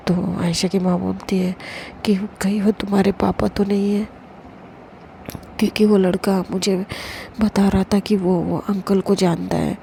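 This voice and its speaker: Gravelly-voiced woman telling a story. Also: medium pitch, level tone, unhurried, dark tone, a little hiss or hum. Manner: retells dialogue plainly without voicing characters. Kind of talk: casual storytelling narration.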